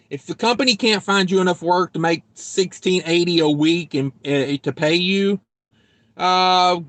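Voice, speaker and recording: A man's voice: a little high, a bit bright, dry recording. A man hosting a casual trucker livestream, rambling and joking as he reads viewer comments aloud. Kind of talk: casual live-stream chat.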